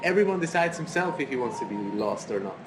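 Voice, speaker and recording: A man's voice: mid-range voice, very animated, quick pace, over music. A man speaking as a guest in a casual conversation, earnest and philosophical with slightly broken grammar. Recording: roomy and noisy.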